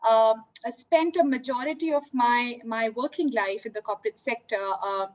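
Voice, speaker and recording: A woman's voice: fairly high pitch, moderate pace, poor audio. A woman from India, speaking reflectively as a panelist in a virtual panel discussion, over a video call and with many "you know" fillers. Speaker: panelist, leadership development.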